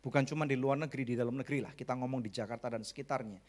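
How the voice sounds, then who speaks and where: A middle-aged man with an Indonesian accent, a pastor preaching a lively, conversational sermon full of jokes and English phrases. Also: mid-range voice, racing.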